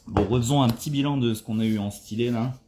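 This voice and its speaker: A man chatting casually during a live booster opening, excitable and swearing when he pulls a good card. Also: mid-range voice, fast, background noise.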